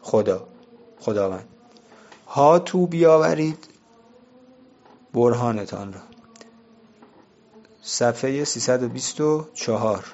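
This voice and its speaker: A man's voice: medium pitch, lively intonation, long pauses, darkish tone, dull audio. A man teaching a vocabulary lesson, explaining words one by one and asking and answering his own questions.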